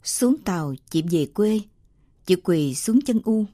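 A woman calmly reading a late-night radio story in a measured, lyrical way. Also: lowish voice, no echo, studio quality.

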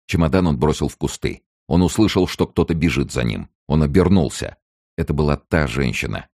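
A man narrating an audiobook with an extremely deep, gravelly voice. His reading is steady and measured yet lively in pitch, recorded close and completely dry. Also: no room sound. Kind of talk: scripted narration.

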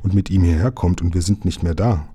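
A man's voice: deep voice, fairly quick, warm tone, breathy edge. A man reading a storybook aloud, voicing an eager, curious young boy who asks many questions.

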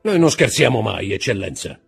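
A man voicing a sly brigand jailer who is mock-deferential and calmly serious, with a husky voice. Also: fairly low pitch, normal speed, faint music behind, full character voice.

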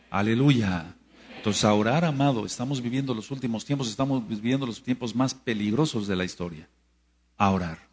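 A man teaching a prayer course in sermon style, emphatic and repetitive, with bursts of loud exclamation. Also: fairly low pitch, long reverb tail. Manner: emphatic, repeats phrases, rising to loud exclamations.

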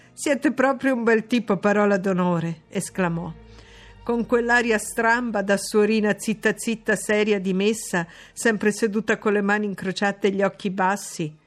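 A woman doing a sardonic, teasing gentleman. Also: medium pitch, natural voice. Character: brusque, mocking middle-aged gentleman.

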